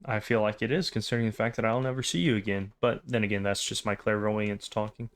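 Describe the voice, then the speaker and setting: A man hosting a game playthrough with casual, wry, deadpan commentary and rambling asides. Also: on the low side, quick pace. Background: game music.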